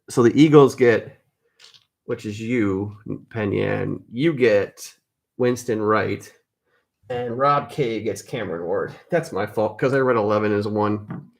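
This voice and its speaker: Slow, gravelly man running a card break. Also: mid-range voice. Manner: casual, addresses viewers by name, corrects his own mix-ups. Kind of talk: live card break stream chat.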